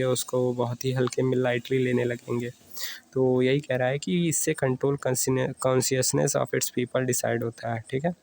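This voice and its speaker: A man tutoring students on an audit syllabus, reading English lines slowly and explaining them in quicker Hindi. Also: medium pitch, a little mellow, slight background noise, poor audio.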